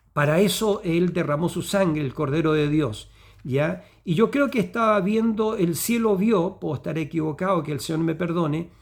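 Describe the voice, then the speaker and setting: A man's voice: high-pitched, darkish tone. A man preaching a sermon, often checking in with the listeners and repeating phrases as he builds a point. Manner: teaching tone with frequent "¿ya?" and "¿cierto?" checks.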